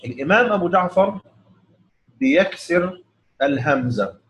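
Teaching Quran recitation rules, an Egyptian-accented man with a rather high, expressive voice talks through them informally and chants every verse slowly as a demonstration. The sound quality is dull lo-fi.

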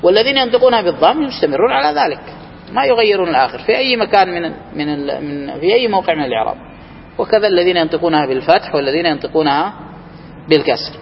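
High-voiced male teacher quizzing students. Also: animated, rapid-fire, creaky. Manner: explains step by step, quizzing students with questions. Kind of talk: classroom grammar lesson. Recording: reverberant room, muffled, faint hiss.

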